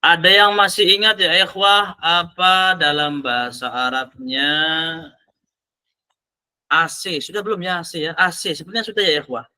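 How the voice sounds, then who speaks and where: Male Arabic teacher on a video call, higher voice, very bright and sharp tone, drills vocabulary word by word. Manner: slowly sounds out Arabic words, then explains. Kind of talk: online language class.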